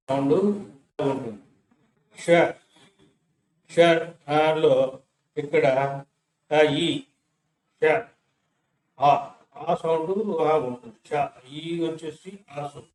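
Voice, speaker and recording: With a slightly mellow voice on the high side, this man teaches English pronunciation slowly, splitting each word into its separate sounds and repeating them one at a time, syllable by syllable. An echoey room and a bit of hiss or hum color the recording.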